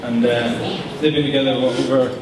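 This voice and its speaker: A man giving an informal wedding toast as best man, joking and chuckling through a halting delivery, recorded from afar in an echoey hall with guests around. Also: mid-range voice, little pitch movement, a loud crowd. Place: large reverberant room at wedding reception. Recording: echoey hall, far mic, audience noise. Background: wedding guests chattering and reacting.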